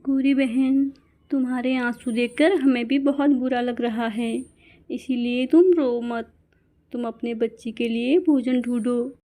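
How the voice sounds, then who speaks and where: A woman's voice: on the high side, fairly even intonation, a little slow, warm tone, lightly acted. A woman voicing Bulbul, a caring female songbird who comforts her friend. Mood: consoling. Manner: soothing, consoling.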